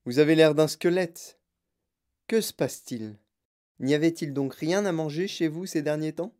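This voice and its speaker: A man reading a storybook aloud, voicing an eccentric, excitable chocolate maker who shouts orders exuberantly. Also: on the high side, moderate pace, natural voice. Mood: coaxing. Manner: loud and exuberant.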